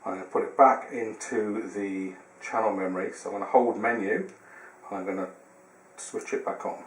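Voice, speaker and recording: Explaining step by step, slightly hesitantly, a man runs through an informal hands-on product demo at normal speed. His voice is lowish and his tone steady. The audio has a roomy echo and background hiss.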